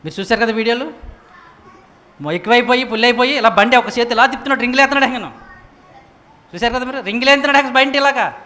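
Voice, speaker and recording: A man preaching a sermon with emphatic rhetorical questions, swinging from loud to hushed. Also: very high voice, rapid-fire, pauses often. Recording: echoey hall reverb.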